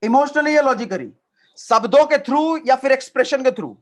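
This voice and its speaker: Brief: high-pitched male trainer on a video call, lively coaching, keeps asking the chat to reply. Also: moderate pace. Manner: energetic, repetitive coaching, asks the chat for replies. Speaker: network marketing trainer. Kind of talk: live online training session.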